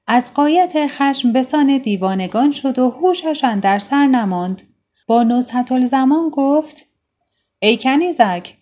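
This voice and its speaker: A woman storyteller reading an old classical tale aloud in a measured, formal way. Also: a little high, warm tone.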